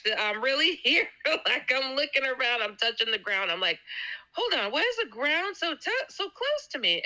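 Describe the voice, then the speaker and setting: A woman's voice: mid-range voice, bright, forceful tone, rough recording. A woman guest telling a personal story in a casual interview, stammering and repeating words as she acts out quotes. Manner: laughs often between sentences. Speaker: guest author.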